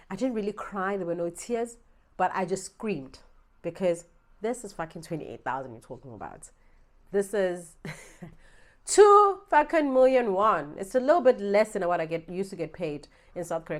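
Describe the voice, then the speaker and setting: Young South African woman, South African accent, low voice, animated storytime vlogger who swears and flares up. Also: a little fast. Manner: animated, swears freely, swings from low asides to loud outbursts. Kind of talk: storytime vlog. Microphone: small handheld gimbal camera.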